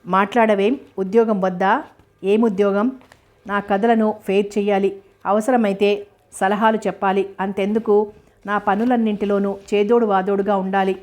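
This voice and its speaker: A woman voicing a playful, affectionate young man who teases the heroine, reading in a flat, level tone. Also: mid-range voice, moderate pace, natural voice. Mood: teasing. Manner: playful, teasing.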